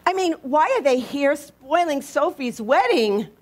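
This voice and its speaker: A woman acting as a defensive, proud single mother who runs a bar, speaking slowly and emphatically in an amateur stage scene. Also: high-pitched, lively intonation, a little mellow.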